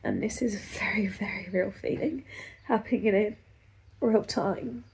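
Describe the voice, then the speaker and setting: A woman vlogger recording a tearful, halting video diary at home on her phone, her voice trailing off into soft whispers. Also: medium pitch, gravelly, husky. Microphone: phone camera.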